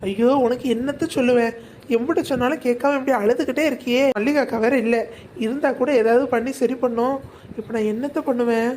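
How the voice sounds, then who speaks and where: A woman voicing a caring village woman in a cartoon, gently scolding and consoling her friend. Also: fairly high pitch, fairly even intonation, brisk, slight background noise, natural voice. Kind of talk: cartoon voice acting.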